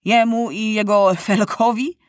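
A woman's voice: mid-range voice, fairly even intonation, unhurried, dry recording, studio quality, pitched above the performer's own voice, lightly acted. A woman reading aloud, voicing wealthy townsmen in council who complain indignantly about a reckless boy ruler.

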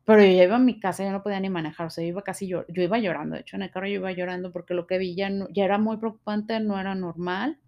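Mexican woman telling her own story, emotional, lots of fillers and little tag questions, mid pitch. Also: steady tone, racing, hardly any pauses, muffled recording. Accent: Mexican Spanish. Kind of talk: personal storytelling.

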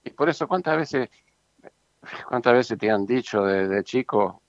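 A man's voice: mid-range voice, expressive, unhurried, dry recording. A man who explains his points earnestly in a casual discussion, with many fillers and rhetorical tags. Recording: dull lo-fi sound.

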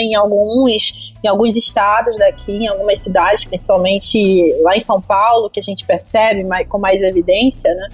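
A woman talking in a casual podcast chat, thoughtful, dotting her sentences with fillers. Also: on the high side. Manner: reflective, fills with "né".

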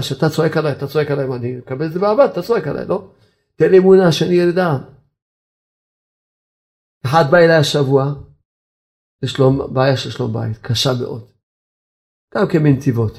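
A man giving a religious sermon, emphatic and repetitive, with chuckling asides and sudden jumps up in pitch. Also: creaky, darkish tone. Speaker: preacher.

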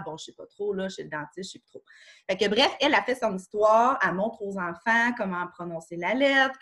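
A woman's voice: medium pitch, fairly bright tone. A woman with a Québécois accent, a children's yoga educator in schools, explaining her methods step by step in a casual podcast conversation into a studio microphone. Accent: Québécois French.

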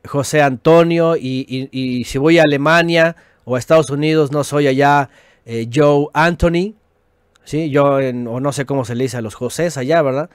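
Animated Mexican man teaching, dry sound. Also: a little high, normal speed, clean tone, no echo. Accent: Mexican Spanish. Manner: animated, mocking imitations of opponents, frequent tag questions; laughs often, joking with viewers. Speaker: religious podcast host. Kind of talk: live-streamed teaching talk with chat.

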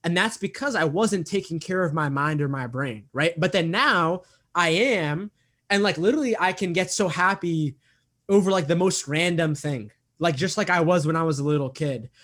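A man in his twenties with a fairly high, somewhat bright voice speaks at normal speed in a casual interview. He comes across as sincere, often repeating himself and reaching for "um" and "like" between thoughts.

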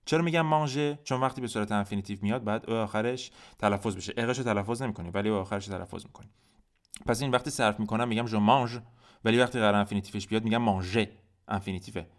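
A man with a fairly low voice hosts a language lesson podcast. He explains grammar patiently and drops to a slow, careful pace whenever he models an example phrase. It sounds like a podcast recorded at a microphone. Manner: explains patiently, slows down to spell out French examples. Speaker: French teacher.

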